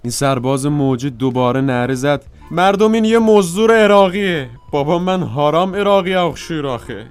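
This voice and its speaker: A man's voice: mid-range voice, few pauses, smooth, no echo, soft background music, close to an everyday voice. An actor playing a hapless, bandaged wounded soldier who moans and complains as he tells his misfortunes. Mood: aggrieved. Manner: moaning, complaining comic storytelling.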